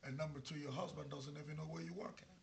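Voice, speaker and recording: A man as a gravelly immigration officer. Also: a little high, fairly even intonation, quick pace, noisy background. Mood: skeptical. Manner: insistent, repetitive questioning. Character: skeptical, persistent, formal immigration officer. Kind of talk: comedy sketch acting.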